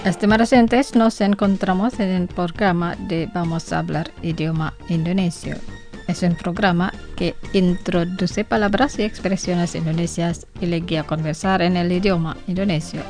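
A woman presenting a scripted radio language lesson, formal and clear, saying each word twice for listeners to repeat. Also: lowish voice, darkish tone.

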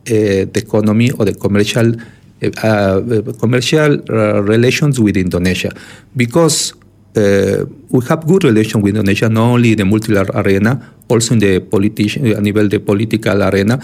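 A man with an Ecuadorian Spanish accent answers interview questions in English, working his way through each point with fillers and restarts. His voice has a gravelly, creaky edge. He speaks as a diplomat discussing relations between two countries. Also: on the low side, a little mellow. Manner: halting, many fillers and restarts, rising emphasis. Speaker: diplomat guest.

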